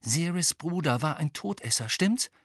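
A man's voice: a little high, animated, normal speed, husky, dry recording, clean studio sound, voice pushed up. A man voicing an uneasy teenage boy who speaks in a subdued, hesitant way.

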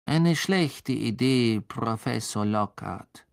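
A man voicing a cold, sneering male wizard teacher who speaks slowly and with disdain. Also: medium pitch, expressive, creaky, no room sound, studio quality.

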